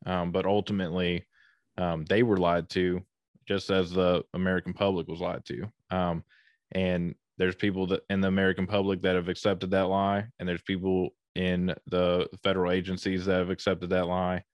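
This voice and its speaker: A man hosting a podcast interview over a video call, talking haltingly with many fillers and restarts. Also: deep voice, completely flat delivery, dry recording. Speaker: podcast host.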